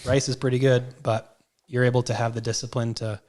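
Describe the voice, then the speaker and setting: A man co-hosting a podcast, asking gentle, searching questions with frequent restarts. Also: mid-range voice, little pitch movement, a little fast. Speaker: podcast co-host. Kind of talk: casual interview chat.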